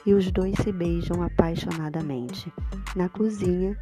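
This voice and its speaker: A woman's voice: fairly low pitch, a little slow, dark tone. Woman narrating a soap recap. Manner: matter-of-fact retelling of scenes, reading out dialogue. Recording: background music under the voice.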